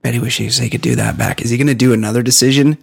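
A man's voice: mid-range voice, steady tone, vocal fry, slightly rough. Rambling man hosting a casual talk show. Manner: rambling, halting, repeats himself. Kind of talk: casual comedic chat.

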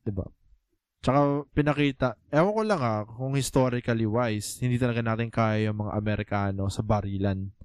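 Filipino guy chatting about movies, smooth clear voice, dry close sound. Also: fairly low pitch, normal speed, dry recording. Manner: animated, mixes English into speech, rhetorical questions. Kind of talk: casual chat.

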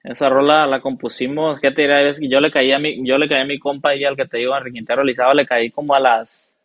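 A young man, chatting casually as a guest musician, relaxed and full of fillers. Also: medium pitch, fast talker, no echo, muffled recording. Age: young adult. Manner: relaxed, slangy storytelling with many fillers. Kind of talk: casual interview chat.

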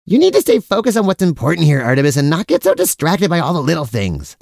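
Guy doing a goofy vain brother in an audio comedy, chatty, super swingy pitch, oblivious. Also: big pitch swings, quick pace, creaky, darkish tone, dry recording, studio quality. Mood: distracted, chatty. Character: mustache-proud, food-loving, easily distracted silly brother. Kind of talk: comic audio drama acting.

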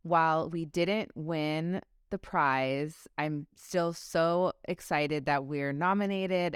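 A woman's voice: sits low, clear, resonant tone, no room sound, studio quality. A woman who stutters, hosting a casual podcast chat with repeated sounds in her words. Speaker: podcast host.

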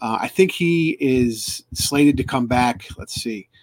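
A man hosts a casual fan-club live stream and talks in a loose, rambling way. He restarts his sentences often and fills the gaps with ums and uhs. His voice sits at an everyday middle pitch and sounds dry and close to the mic. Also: slow, no echo. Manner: rambling, many fillers and restarts.

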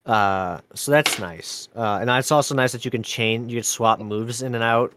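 A man's voice: mid-range voice, normal speed, noisy background. A man in his twenties co-hosting a casual podcast chat, laid-back and swearing freely. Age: 20s. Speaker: podcast co-host.

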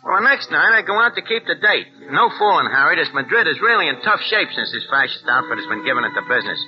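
Narrating and starring in 1940s radio acting, he voices a streetwise small-time crook who poses as an Englishman, talking fast in a lively pitch. The mood is scheming and the speech slangy, tough, and ungrammatical, preserved on a dull old radio recording with music.

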